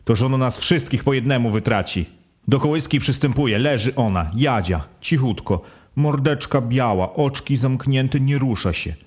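A man's voice: mid-range voice, animated, normal speed, darkish tone. A man reading an audiobook as a first-person storyteller, in an earthy, rustic folk style. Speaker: audiobook reader.

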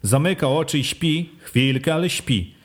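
A man voicing an old, pious wandering beggar who talks slowly and gravely. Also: on the high side, natural voice. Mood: warning.

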